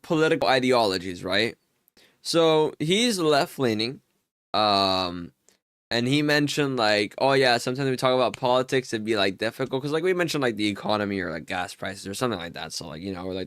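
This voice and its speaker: In a clean, echo-free studio recording, a young man plays Minecraft on stream while spinning a lengthy, filler-heavy story. His mid-range voice is a bit bright and a little fast, with lively intonation and exasperated laughter throughout.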